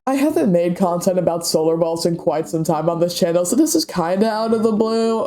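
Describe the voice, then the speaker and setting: Stuffy-nosed male commentator, high but mellow voice, dry sarcastic rant, faint music underneath. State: stuffy from a cold. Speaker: YouTube commentator.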